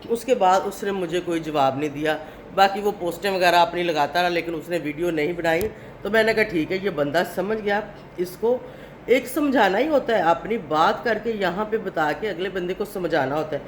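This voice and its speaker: A woman's voice: lowish voice, slight background noise. A woman from Pakistan, a family vlogger, speaking straight to camera in an indignant, lecturing way and often tagging her points with "okay?". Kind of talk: to-camera vlog monologue.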